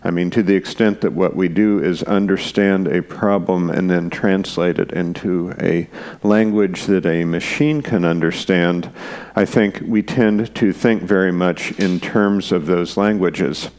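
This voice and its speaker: A man's voice: low voice, unhurried, a little mellow. A man speaking as an interview guest, explaining a programming topic off the cuff, hesitant with many fillers and restarts. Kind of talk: unscripted technical explanation.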